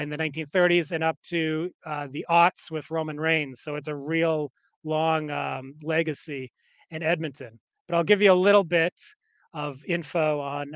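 A man's voice: a little high, fairly bright tone, dry recording. A Canadian man co-hosting a podcast in casual chat, rambling with lots of fillers and restarts. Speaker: podcast co-host.

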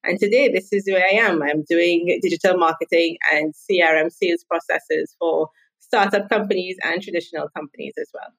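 A woman in her thirties speaks as a podcast guest. She tells stories from her working life in a chatty way, and her voice sits fairly low. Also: fairly even intonation, normal speed, few pauses, poor audio. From Trinidad and Tobago. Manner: chatty storytelling. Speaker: guest, marketing consultant. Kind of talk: podcast interview.

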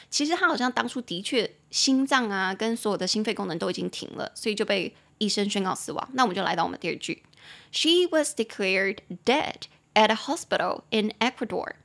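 A young Taiwanese woman hosting a casual English lesson podcast, chatty and laughing often, slowing down to repeat and spell English words. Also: mid-range voice, creaky, fairly bright tone. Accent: Taiwanese Mandarin. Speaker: English teacher and podcast host.

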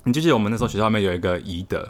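A young man with a Taiwanese Mandarin accent, telling funny stories in casual chat, animated and laughing, restarting his sentences often. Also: on the low side, rapid-fire. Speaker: guest storyteller.

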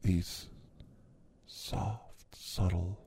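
A man doing an ASMR hand massage role-play, speaking softly and sultrily and often slipping into a whisper. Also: low-pitched, fairly even intonation, very slow, vocal fry, husky. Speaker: ASMR creator.

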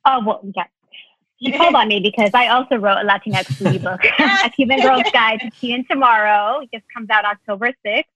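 A woman's voice: a little high, brisk, fairly bright tone, no room sound, low-quality recording. A woman from the United States, an author talking chattily on a panel. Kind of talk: casual panel discussion.

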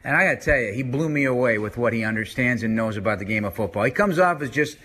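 A man's voice: mid-range voice, animated, quick pace, pushed and bright. A man hosting a sports radio show, chatty and wry, recapping the news and reading sponsor notes. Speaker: radio play-by-play host. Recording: broadcast from a remote trip.

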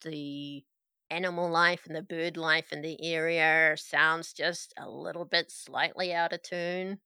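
Bright, wry woman running a tabletop game. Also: low voice, steady tone, unhurried, clean tone, no room sound, clean studio sound. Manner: wry, sarcastic. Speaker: game master. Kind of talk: narrating a tabletop game, casual banter.

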